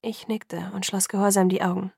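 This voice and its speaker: A woman reads a first-person novel aloud in a steady, even voice. Her tone carries a gravelly, creaky grain. The recording is close and dry, with no room sound. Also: mid-range voice, fairly quick, no echo. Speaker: audiobook reader.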